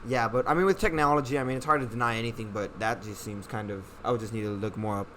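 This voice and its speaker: Young man, casual podcast chat, relaxed filler-heavy talk, mid-pitched voice, faint background noise. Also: quick pace.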